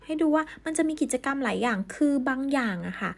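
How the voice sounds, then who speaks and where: A woman's voice: high-pitched, animated, fast, creaky. A woman speaking as a mother and vlogger, giving a casual, chatty app demonstration in a polite way. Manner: polite, softened with frequent particles.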